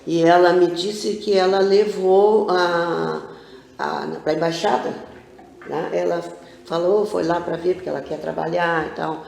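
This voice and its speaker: A local cultural figure in her later years, guesting on a casual TV interview, tells rambling, lively stories with many tangents. Her gravelly voice sits on the low side and keeps a measured pace, echoing roomily around the studio.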